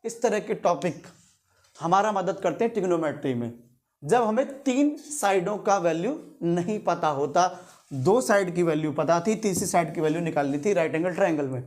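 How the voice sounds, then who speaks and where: A man's voice: high-pitched, animated, normal speed, a little mellow. A male teacher giving a classroom lecture, quizzing his students in call-and-response and repeating key terms to stress them.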